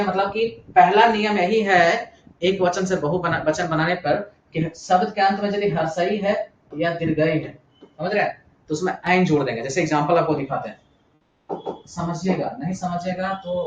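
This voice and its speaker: A male teacher dictates notes to his class in a slightly high voice, going back over each point and checking that the students understand. He is recorded from across an echoey room, so the sound is dull and carries a faint hiss. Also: normal speed, distant mic. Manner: repeats and dictates notes, asks students if they follow. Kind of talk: classroom lesson.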